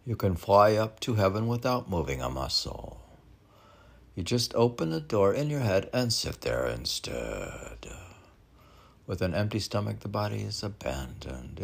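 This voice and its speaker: With a low, gravelly, slightly rough voice, a man reads poetry he wrote himself. He keeps drifting off into musings and rambling side remarks, as if thinking out loud to no one but himself.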